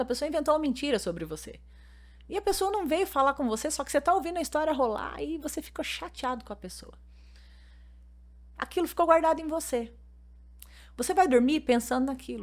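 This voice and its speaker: Brazilian woman pastor chatting on a podcast, earnest, tells stories, kinda high voice. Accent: Brazilian Portuguese. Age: adult mother. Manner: earnest, explains with lively retold anecdotes. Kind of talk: casual podcast conversation with storytelling.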